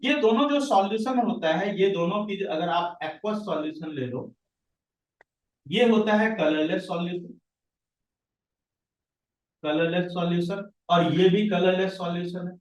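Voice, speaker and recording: Indian teacher guy, strict, quizzing his class, highish voice, echoey room heard from a way off. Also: unhurried, pauses often. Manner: strict, questioning, calls on students by name. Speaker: science teacher. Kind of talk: classroom lecture with questions to students. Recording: roomy classroom audio from a distance.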